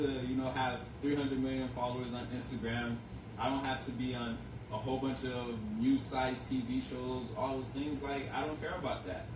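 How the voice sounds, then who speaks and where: A young man from Haiti, a shop owner being interviewed, talking in an earnest, rambling way full of fillers. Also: mid-range voice. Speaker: guest, clothing shop owner. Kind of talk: casual interview chat. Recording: echoey room, distant mic, noisy.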